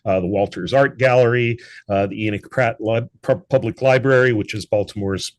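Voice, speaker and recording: An articulate, enthusiastic man speaks conversationally as an interview guest, having founded a theatre and worked as a producer. His voice is lowish at a normal speed, with no echo.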